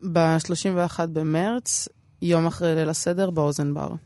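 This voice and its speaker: A woman's voice: sits low, steady tone, dark tone, no room sound. Woman, Israeli accent, stand-up comic in interview, rambling, self-deprecating, dry close sound. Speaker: stand-up comedian, interview guest. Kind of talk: casual conversational interview.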